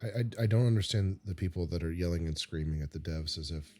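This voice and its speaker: A man's voice: deep voice, quick pace, warm tone, a little hiss or hum. A man hosting a gaming video with casual, rambling and somewhat hesitant commentary.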